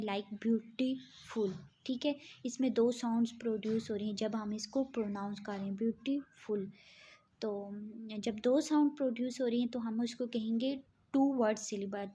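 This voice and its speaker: A woman teaching an English grammar lesson, explaining slowly and checking in with her listeners. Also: fairly high pitch, dark tone, slight background noise. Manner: slow, deliberate example sentences with frequent "ठीक है?" checks.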